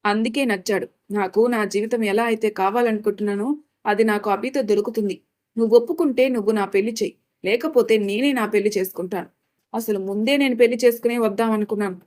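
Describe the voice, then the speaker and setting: A woman's voice: a little high, fairly even intonation, quick pace, a little mellow, natural voice. A woman doing a stubborn young bride-to-be. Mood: pleading. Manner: pleading yet firm.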